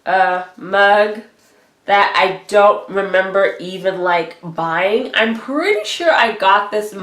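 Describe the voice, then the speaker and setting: A woman's voice: medium pitch, fairly bright tone, reverberant. A young woman hosting her channel, chatty and bubbly, sounding stuffy and nasal from a cold. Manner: bubbly, chatty, laughs often. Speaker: channel host. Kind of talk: casual vlog commentary.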